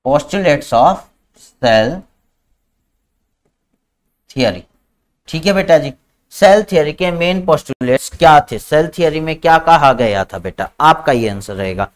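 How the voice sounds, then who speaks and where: A man's voice: a little high, expressive, normal speed. A man teaching a biology class online in Hindi mixed with English with an Indian English accent, calling students "beta" and stretching out key terms as he dictates.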